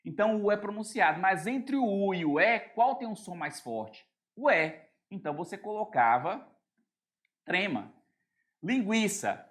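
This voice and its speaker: A man's voice: high-pitched, big pitch swings, unhurried, a bit bright. A man with a Brazilian Portuguese accent teaching an exam-prep grammar lesson, explaining step by step and often checking that students are following.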